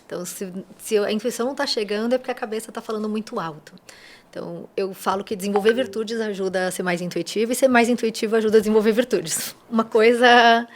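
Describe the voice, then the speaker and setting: Brazilian woman, mid pitch, podcast guest, explains in a teacherly way with playful asides. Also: fairly even intonation, fast. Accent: Brazilian Portuguese. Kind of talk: interview answers.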